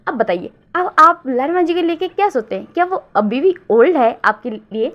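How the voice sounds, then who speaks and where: A playful, nosy young man, read by a woman, teasing and prodding his friend. His voice is high, and the sound is muffled and lo-fi. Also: expressive, moderate pace. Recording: dull lo-fi recording.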